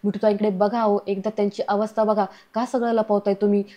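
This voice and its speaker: A calm, firm young woman from a television serial who comforts and then presses for the truth, voiced by a woman narrator. The voice is mellow and even. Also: mid-range voice, fairly quick, lightly acted. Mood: insistent.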